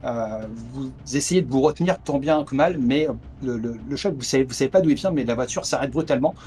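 A man's voice: medium pitch, brisk, mellow. A man narrating a tabletop horror game as game master over a video call, with many hesitant fillers. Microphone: headset on a video call.

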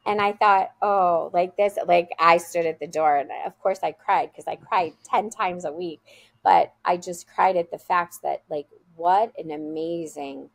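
A woman's voice: on the low side, measured pace, vocal fry, dry recording. A woman guest telling heartfelt stories about her school in a casual interview over a video call. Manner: earnest, heartfelt storytelling.

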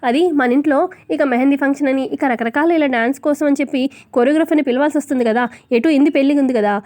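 A woman voicing a calm, reasonable middle-aged man who explains patiently. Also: sits high, fast, no echo, lightly acted.

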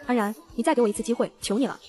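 A woman's voice: a little high, very fast, darkish tone, lightly acted. A woman reading the lines of an abusive young husband in a novel, wheedling by turns and snappish by turns. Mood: pleading. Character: pleading, then irritable abusive young husband.

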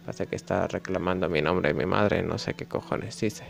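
A man playing a game at home on a headset, reading out and translating its dialogue in a slow, rambling way. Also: sits low, creaky. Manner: slow, rambling, swearing casually. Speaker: gaming YouTuber. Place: home room. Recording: faint game music behind.

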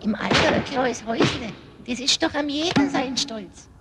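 A woman's voice: high voice, expressive, moderate pace, heavy background noise. A woman playing a kindly but firm old country grandmother in a cartoon, with a Swabian accent. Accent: Swabian German. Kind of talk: animated film dialogue.

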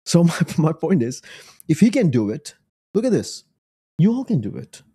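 A man's voice: fairly high pitch, sing-song, moderate pace, dark tone, slightly rough. A young man from a Bengali background, joking and exclaiming as he comments casually on videos and sites while sharing his screen. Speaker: online business creator.

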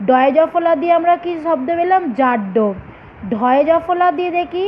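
A woman's voice: very high-pitched, fairly quick, lo-fi sound, slight background noise. A woman teaching a primary school spelling lesson, explaining step by step and repeating questions for her pupils. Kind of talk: online Bengali spelling lesson.

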